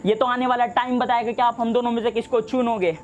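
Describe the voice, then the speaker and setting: Very high-voiced young man battle rapping. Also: little pitch movement, quick pace. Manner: boastful, mocking, punchline-driven. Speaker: battle rapper. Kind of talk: battle rap performance.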